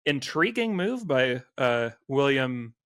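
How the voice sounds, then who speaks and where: Bright-voiced male sports podcast co-host. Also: medium pitch, dry recording, clean studio sound. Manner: animated, quick stats-driven talk with fillers. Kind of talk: casual sports podcast chat.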